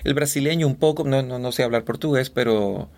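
A man from Guayaquil, Ecuador, a voice-over artist telling stories in a relaxed interview, often slipping into imitated voices. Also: mid-range voice, brisk. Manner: animated storyteller, slips into imitated voices. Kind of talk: casual interview chat.

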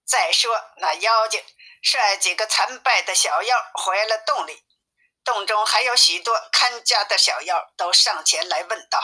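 A woman telling a classic tale in a steady, simplified storybook reading. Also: mid-range voice, unhurried. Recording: tinny phone-like sound.

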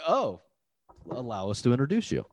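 Rambling laid-back podcast host, dry sound. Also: male voice, mid-range voice, huge pitch swings, moderate pace, a little mellow, dry recording. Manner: rambling, laid-back storytelling, full of fillers and swearing. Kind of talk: casual podcast chat.

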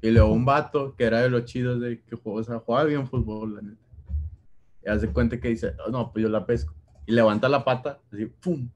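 A man's voice: medium pitch, steady tone, brisk, a little mellow. A young man with a Mexican accent, chatting with friends and telling a story that he acts out with sound effects and slang. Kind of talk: casual chat among friends.

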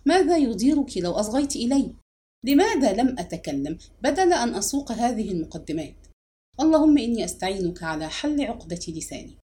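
A shy young man pleading in a halting, stammering voice, as a woman reads him. The melody rises and falls widely, and the tone stays dark and mellow. He sounds like a storybook narrator's hero. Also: fairly high pitch, sing-song. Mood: nervous pleading. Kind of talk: audiobook reading.

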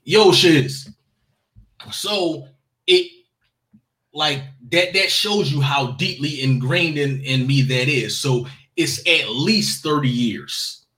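A man's voice: fairly high pitch, expressive, slow, sharp tone, rough recording. Man in his forties telling a story. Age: 40s. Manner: storytelling, lots of restarts and fillers. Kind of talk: casual chat.

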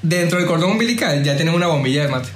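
A man's voice: a little high, expressive, racing, reverberant, crowd noise. A man with a Venezuelan accent, cohosting a podcast in a slangy, joking casual chat. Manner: slangy, jokey, acts out accents. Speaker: podcast host.

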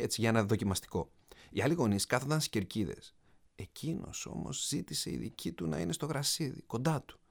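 A man, an author and coach, narrating a self-help audiobook in an emphatic way, speaking straight to the listener. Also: fairly low pitch. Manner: emphatic, addresses the listener directly.

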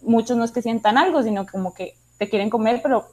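A woman's voice: fairly high pitch, fast talker, warm tone, rough recording. A young woman with a Colombian accent giving blunt opinions in casual chat. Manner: frank, blunt opinions with slang.

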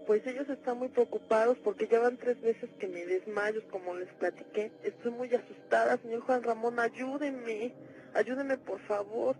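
A woman's voice: on the high side, moderate pace, a little mellow, lightly acted, rough recording. A woman playing a frightened teenage girl who calls a radio show, possessed by a demon. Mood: pleading. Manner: pleading, panicky, breaks into screams. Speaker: caller. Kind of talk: dramatized radio call.

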